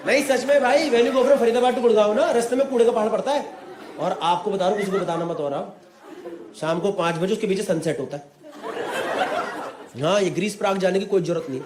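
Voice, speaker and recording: A man from the Delhi area doing a stand-up comedy set, telling an animated story in mixed Hindi and English and putting on voices for the people in it. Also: high-pitched, a little fast, long pauses. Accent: Delhi NCR Hindi. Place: live comedy venue with audience. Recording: echoey room, crowd laughter, background noise. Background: audience laughter.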